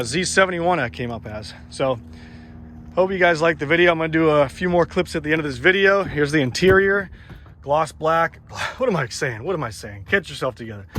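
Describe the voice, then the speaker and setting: A man's voice: fairly high pitch, fairly bright tone. A man giving a casual walkaround of a truck for sale outdoors, talking in a rambling, enthusiastic way with plenty of ums and uhs. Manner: rambling, filler-heavy, enthusiastic. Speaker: truck seller. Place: outdoors beside a parked truck.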